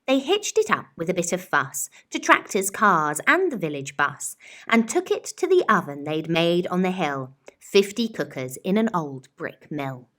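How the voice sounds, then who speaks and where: Reading a children's picture book, this woman storyteller uses a lowish, sing-song voice that's a bit bright. She performs the rhymes expressively, stretching out words in a dramatic, rhythmic way.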